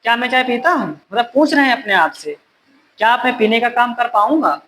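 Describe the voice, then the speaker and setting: A man teaching a grammar lesson to a class of students, often repeating his questions and gently scolding them. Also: extremely high pitch, lively intonation, a little fast, low-quality recording.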